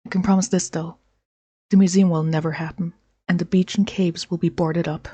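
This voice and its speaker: A woman's voice: lowish voice, level tone, moderate pace, mellow, breathy edge, dry recording, dull audio. A woman reading written notes aloud as she narrates a game. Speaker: gameplay narrator.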